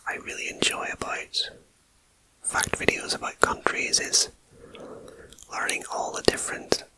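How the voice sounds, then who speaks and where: An ASMR host whispering a list of facts in a slow, soft voice and adding chatty personal asides, recorded on a binaural ear-to-ear microphone. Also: low-quality recording. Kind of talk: whispered ASMR fact reading.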